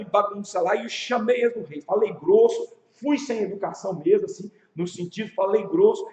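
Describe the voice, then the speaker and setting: Pastor teaching a church leadership class, Brazilian accent, lively storyteller, high voice, recorded in an echoey, muffled room. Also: male voice. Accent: Brazilian Portuguese. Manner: animated storytelling with rhetorical questions.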